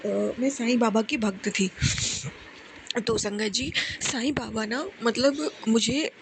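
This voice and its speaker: A young woman tells a personal testimony to a congregation from home, speaking softly and pleading, with frequent direct address to her listeners. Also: a little high, slow, slight background noise. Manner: speaks softly and hushed on purpose. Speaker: devotee sharing testimony.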